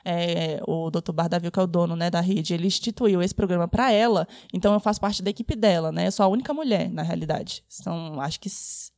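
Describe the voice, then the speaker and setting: Fast-talking Brazilian woman journalist. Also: lowish voice, a little mellow, no room sound, clean studio sound. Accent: Brazilian Portuguese. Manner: chatty, uses slangy asides. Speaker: journalist guest. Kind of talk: casual podcast interview.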